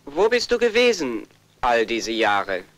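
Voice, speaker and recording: A man's voice: medium pitch, wildly swooping pitch, unhurried, fairly bright tone. A man dubbing a middle-aged older brother, kind and meek, fussing, often laughing and pleading. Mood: gentle. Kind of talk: German film dub.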